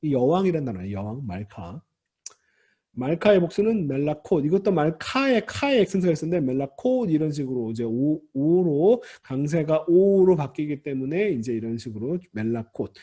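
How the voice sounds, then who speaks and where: A man's voice: fairly high pitch, warm tone. A man teaching a recorded grammar lecture, patiently explaining, repeating key words and reassuring students directly.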